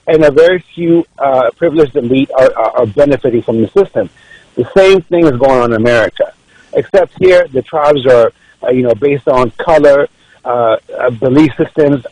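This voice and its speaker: Speaking into a radio studio microphone, an Ethiopian political candidate guesting on a radio show pleads his case with earnestness, frequently restarting and repeating words. His voice is medium-pitched and a little mellow, and the rough recording has no echo.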